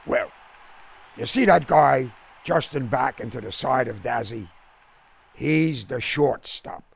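A man voicing an excitable, blunt baseball fan who explains the game impatiently, in a storybook reading. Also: mid-range voice, takes it slowly, gravelly, slightly rough, full character voice. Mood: explaining, impatient. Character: brash, excitable baseball-loving American man.

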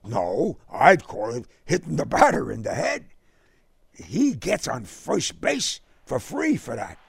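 A man voicing an excitable, blunt baseball fan who explains the game impatiently, in a storybook reading. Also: mid-range voice, slow pace, vocal fry, slightly rough, no room sound, exaggerated voice. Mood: explaining, impatient. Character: brash, excitable baseball-loving American man.

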